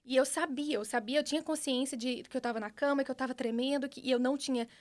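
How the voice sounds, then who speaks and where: A young woman with a Brazilian Portuguese accent, a podcast guest giving an earnest, animated personal testimony with frequent restarts. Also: sits high, quick pace. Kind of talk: personal testimony in casual conversation.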